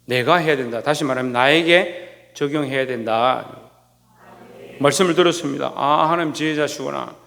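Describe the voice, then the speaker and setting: A pastor delivers a sermon in a large hall-like sanctuary, his medium-pitched voice fairly bright with vocal fry and a moderate pace. He repeatedly asks questions only to answer them himself, and gets loud when dramatizing quoted rebukes.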